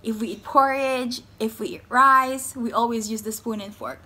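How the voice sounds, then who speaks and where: A young woman from the Philippines talks straight to her viewers in a casual vlog. Her voice sits a little high, and she bubbles with excitement, tumbling through fillers and quick asides. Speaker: vlogger.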